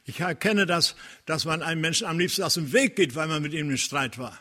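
A man preaching a sermon in an earnest way, slowing down to stress key phrases. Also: fairly high pitch. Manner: earnest, preaching with Bible quotes, occasional restarts and hesitations; slows down and gets louder to stress key phrases.

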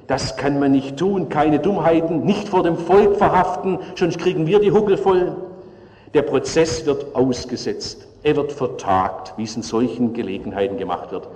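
Man, preacher, sermon, dramatic storytelling, acts out voices, slightly high voice, big reverberant church. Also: a little mellow. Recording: echoey church hall with long reverb.

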